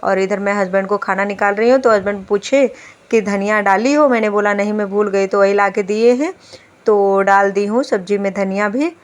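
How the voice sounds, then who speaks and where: A woman's voice: medium pitch, brisk. A woman in her thirties narrating her home vlog in a chatty, homely way, talking to viewers as friends. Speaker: vlogger, homemaker. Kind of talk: casual voice-over home vlog.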